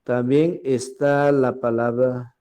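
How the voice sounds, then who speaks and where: A man teaching a language class in a very slow, unhurried way, his voice dark and mellow. He says each word more than once and keeps checking with "¿verdad?". He clears his throat from time to time. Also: medium pitch, steady tone. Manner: slow, repeats words and asks "¿verdad?" often.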